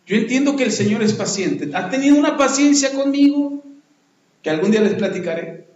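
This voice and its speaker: A pastor preaches to his congregation, his fairly high voice rising and falling as he acts out the scenes he describes. The sound carries the echo of a church hall around him. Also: a little fast, lo-fi sound. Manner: animated preaching, acting out voices. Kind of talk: sermon.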